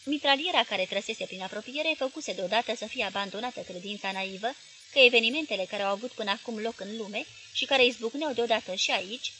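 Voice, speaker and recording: A woman narrating a novel as an audiobook in a measured, expressive reading. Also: a little high, rough recording. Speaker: audiobook reader.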